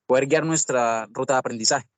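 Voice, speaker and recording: A man's voice: medium pitch, fairly quick, dry recording. Hesitant man speaking in class. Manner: hesitant, filler-heavy phrasing. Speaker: student. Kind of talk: class discussion remark.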